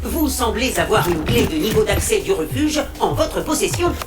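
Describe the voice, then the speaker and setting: A woman's voice: medium pitch, sing-song, normal speed, natural voice. A woman voicing a cheerful, servile robot concierge in a video game, courteous and theatrical like an announcer selling services. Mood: polite, helpful. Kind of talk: scripted game character dialogue. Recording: game music behind, some long reverb.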